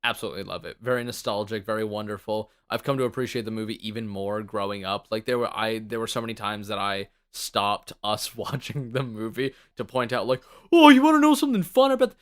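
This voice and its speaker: A man co-hosting a podcast, chatting playfully and quick to laugh. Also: fairly low pitch, steady tone, a bit bright. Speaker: podcast co-host. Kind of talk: casual comedic chat.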